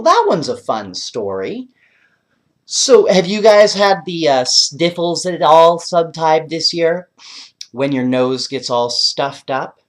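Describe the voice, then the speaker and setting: A children's storyteller, a man with a fairly high pitch, reads a bedtime story aloud and chats with young listeners. He is expressive and often asks them questions directly.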